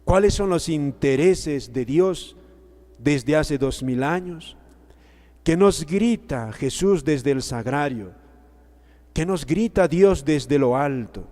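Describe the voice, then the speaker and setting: A male priest giving a sermon, preaching slowly and emphatically, repeating key words with pauses between phrases. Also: a little high, expressive, dark tone. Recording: long hall reverb.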